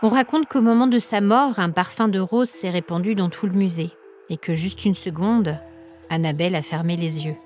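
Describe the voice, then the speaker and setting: Faint music sits behind a woman with a lowish, slightly mellow voice as she narrates a scripted supernatural story for her podcast. She reads as host in a measured, literary way that keeps the suspense taut.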